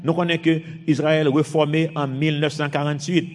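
A Haitian man with a Haitian French accent preaches a sermon and reads scripture, speaking a little fast with a flat delivery. He is fervent, his pitch and force rising and dropping sharply, and the recording carries a long hall reverb.

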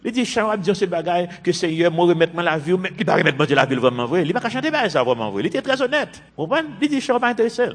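A pastor in his fifties delivers a sermon, driving his points home by repeating phrases. His voice sits a bit high for a man. It rings out with the long reverb of a large church hall. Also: sing-song, fast, hardly any pauses. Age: 50s. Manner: emphatic preaching with repeated phrases.

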